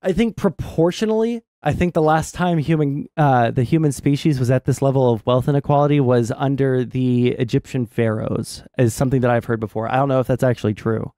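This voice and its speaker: Young guy streamer talking politics, halting and measured, close dry mic. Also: mid-range voice, mellow, no room sound. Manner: hesitant, halting, measured explaining. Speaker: streamer host. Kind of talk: casual political discussion over a game stream. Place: small indoor streaming room. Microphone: close desk mic with headset.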